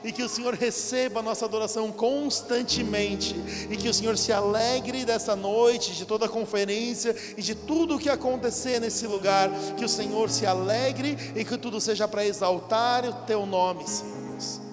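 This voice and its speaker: High-voiced pastor in a reverberant hall. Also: male voice, moderate pace, hardly any pauses. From São Paulo, Brazil. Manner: fervent, repetitive prayer addressing God. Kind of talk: sermon and spoken prayer. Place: large church hall at a conference. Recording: hall reverb with music behind.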